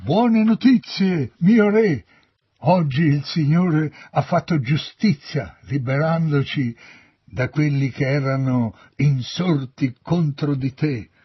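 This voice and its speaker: A man reading a Bible story, voicing a soldier who announces victory in a loud, high voice. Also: unhurried, breathy edge, no room sound, muffled recording. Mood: triumphant. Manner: shouting, much higher pitch. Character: loud triumphant foreign soldier.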